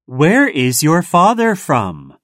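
A woman reading textbook dialogue questions for a listening test, slowly and carefully enunciated for learners. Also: deep voice, wildly swooping pitch, a bit bright, dry recording.

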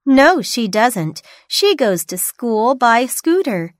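A woman reading textbook dialogue answers for a listening test, slowly and carefully enunciated for learners. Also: on the high side, sing-song, no echo, studio quality.

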